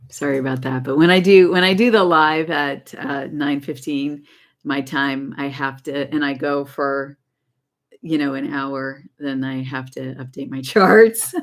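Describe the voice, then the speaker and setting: A woman hosting a casual spiritual livestream, talking in a rambling way, correcting herself and laughing as she goes. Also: very deep voice. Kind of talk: casual live-stream talk.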